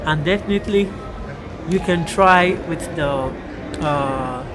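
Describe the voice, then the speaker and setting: A woman's voice: deep voice, slow pace, noisy background. A tired young woman vlogging from a large indoor hall on a phone held at arm's length, talking hesitantly with many ums and uhs. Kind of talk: casual vlog update.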